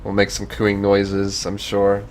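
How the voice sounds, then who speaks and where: Brief: laid-back male streamer from Virginia, rambling profane chat, lower voice, faint hiss behind. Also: completely flat delivery, unhurried. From Northern Virginia, US.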